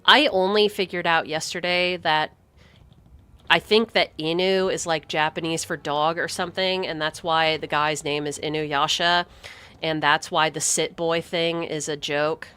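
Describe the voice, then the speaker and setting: A woman's voice: deep voice, steady tone, a little slow, a bit bright, clear, resonant tone. A woman streaming a video game, chatting casually and cracking sarcastic jokes. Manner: sarcastic, joking. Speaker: gaming streamer. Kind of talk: casual chat over gameplay.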